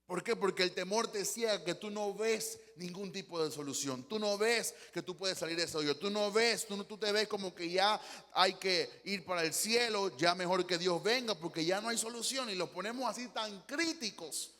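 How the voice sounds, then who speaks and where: Impassioned high-voiced preacher, Panamanian accent. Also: male voice, moderate pace, pushed and bright, long reverb tail. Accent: Panamanian Spanish. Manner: impassioned preaching with acted-out quotes. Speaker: pastor. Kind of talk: sermon.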